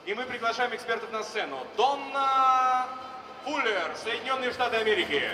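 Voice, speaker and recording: This middle-aged man, hosting a ceremony, speaks in a very high voice at a moderate pace, delivering brief formal stage announcements into a handheld microphone. It's picked up from afar through the PA of a big, echoing exhibition hall, with music playing and a noisy background.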